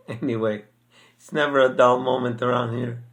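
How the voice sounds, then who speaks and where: A man's voice: medium pitch, fairly even intonation, moderate pace. An older man in a casual chat, who then reads his own poem aloud, speaking hesitantly with many fillers. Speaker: poet sharing his poems.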